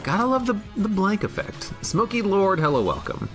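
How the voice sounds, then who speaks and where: A man's voice: high-pitched, wildly swooping pitch, normal speed. A man streaming a video game, rambling jokily through casual commentary and reading chat aloud. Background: game music.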